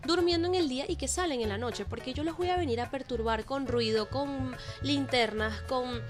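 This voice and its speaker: A woman's voice: high voice, normal speed, music in the background. A Venezuelan woman, a hiking guide, chatting earnestly as a radio guest. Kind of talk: casual interview.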